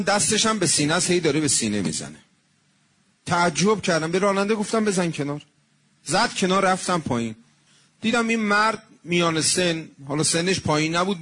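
A man delivers a sermon with a husky, slightly high voice. He tells stories earnestly and slows down on devotional phrases. The tone stays serious and heartfelt. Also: a bit bright. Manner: earnest storytelling preacher, slowing on devotional phrases. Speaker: religious preacher.

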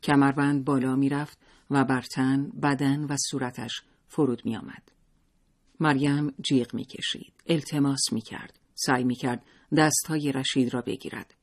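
A man narrating a story in a steady, measured storytelling manner. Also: mid-range voice.

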